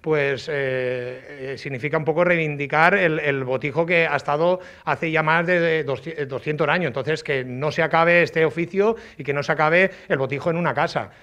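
With a fairly high pitch and fairly bright tone, a potter from Agost in Alicante province speaks with a southeastern Spanish accent, his words slightly muffled by a face mask. He's an interviewee in an old pottery workshop and brick kiln, recorded indoors on a handheld reporter's microphone. His explanations come informally and haltingly, full of repeated words and tag questions.

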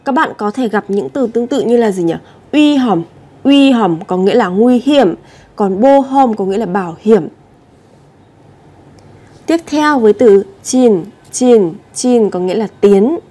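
A woman's voice: on the high side, lively intonation, unhurried, mellow, slightly rough. Patient woman teaching vocabulary. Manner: patient, repeats each word, addresses viewers directly. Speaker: Korean language teacher. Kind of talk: vocabulary lesson explanation.

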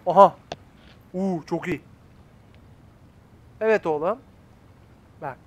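A young Turkish man in his twenties talks his way through a frustrating game in a high voice, muttering encouragement and grumbling at himself. A faint hum sits behind him. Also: slow. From Turkey. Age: 20s. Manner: talks to himself, coaxing and fretting. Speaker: gaming YouTuber. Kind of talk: casual gameplay commentary.

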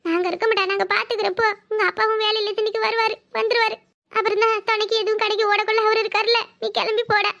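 A woman voicing a fussing, caring older village mother-in-law in a cartoon, speaking with a southern Tamil Nadu accent and giving orders fast. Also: very high voice, flat delivery, vocal fry, sharp tone, exaggerated voice. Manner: bossy, fast, scolding yet tender. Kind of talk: cartoon voice acting.

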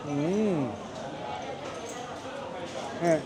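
A man hosting a food vlog, chatting and thinking aloud as he tastes dishes. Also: very slow. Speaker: vlog host. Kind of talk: casual food vlog commentary. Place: busy old-style cafe and city street. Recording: crowd chatter behind.

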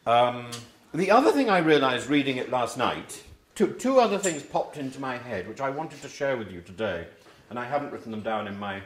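Older English male teacher, rambling and animated, echoey classroom. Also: medium pitch, fairly quick. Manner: rambling, with many ums and restarts. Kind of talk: informal classroom talk. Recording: echoey room, faint hiss.

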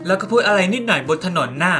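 A woman's voice: medium pitch, expressive, fast talker, bright, forceful tone, soft background music. A woman voicing a cool, blunt young woman who speaks in a dry, matter-of-fact way. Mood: offhand.

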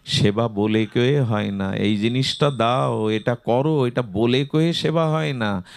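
Slow, storytelling preacher man. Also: fairly high pitch, vocal fry, a little mellow. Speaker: Bhagavata reciter. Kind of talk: devotional Bhagavata discourse.

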